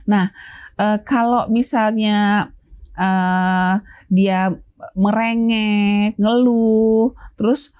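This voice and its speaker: A woman's voice: medium pitch, steady tone, extremely slow, pauses often, a little mellow, clear, resonant tone. A woman guest explaining child-rearing in an interview, hesitant with many fillers, acting out little parent and child exchanges. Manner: acts out parent and child lines. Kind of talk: interview, explaining with acted examples.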